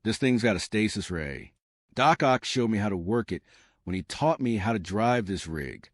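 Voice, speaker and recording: A man's voice: fairly low pitch, animated, normal speed, dry recording, clean studio sound. A man voicing a cocky male thug leader, bossy and offhand, in a comic read-aloud.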